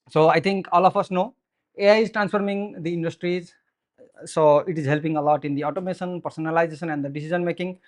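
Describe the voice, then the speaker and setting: A Nepali software engineer in his thirties, speaking with a Nepali accent in a higher voice, gives a tech presentation at a meetup. Holding a handheld mic in an indoor room with an audience, he is earnest and explanatory and uses many "so" and "uh" fillers.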